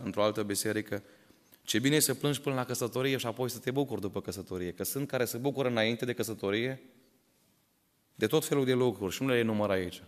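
Preaching man in a reverberant hall. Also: mid-range voice. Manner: preaches directly to the congregation with frequent rhetorical questions; tells stories and voices the people in them. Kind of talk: sermon. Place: church hall.

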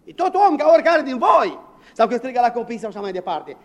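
A man preaching a sermon as pastor, animated and acting out quoted voices, shifting between loud bursts and hushed asides. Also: extremely high pitch.

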